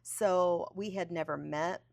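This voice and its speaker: Lively middle-aged woman host, dry sound. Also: on the low side, takes it slowly, creaky, dry recording. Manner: animated storyteller, laughs often, acts out quotes. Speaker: podcast host. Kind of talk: casual faith podcast conversation.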